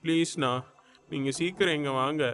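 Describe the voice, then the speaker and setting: A man voicing a frightened young man pleading for his brother to come quickly, in an audiobook. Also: on the high side, fairly bright tone, close to an everyday voice. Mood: scared. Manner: shaken, pleading. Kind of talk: audiobook character voice.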